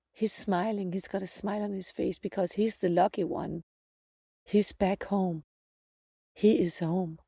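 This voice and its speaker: A woman's voice: medium pitch, gravelly, warm tone, no echo, studio quality. A woman podcast host earnestly retelling a personal spiritual experience in the present tense, often repeating her phrases.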